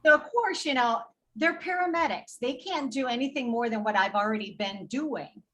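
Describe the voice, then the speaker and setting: A woman's voice: fairly high pitch, normal speed, sharp tone, rough recording. A woman, a patient advocate guest on a podcast, retelling a tense hospital episode with indignation and acting out both sides of the dialogue. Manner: indignant, recounts exchanges in quoted dialogue. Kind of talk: podcast storytelling.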